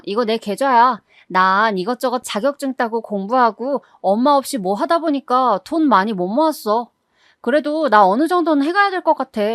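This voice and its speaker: A woman's voice: on the high side, no room sound, clean studio sound, natural voice. A woman doing a snappish grown daughter. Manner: snappish, whiny, demanding. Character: irritable demanding young adult daughter.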